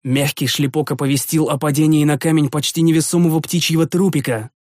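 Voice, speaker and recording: A man's voice: a little high, fairly even intonation, brisk, a little mellow, no echo. Dry-voiced male audiobook narrator. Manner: tense, dramatic first-person storytelling. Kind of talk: dramatic fantasy audiobook narration. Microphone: studio microphone.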